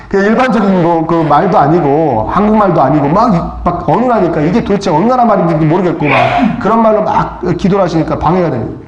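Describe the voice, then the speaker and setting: Man, pastor, sermon, storytelling, questions to the congregation, slightly high voice, roomy church echo. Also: highs cut off, slight background noise. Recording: echoey church hall.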